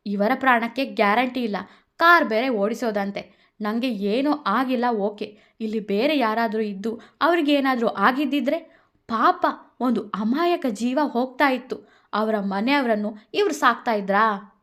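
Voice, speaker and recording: A woman voicing a feisty young heroine in a narrated story, loud and defiant. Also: fairly high pitch, a little slow.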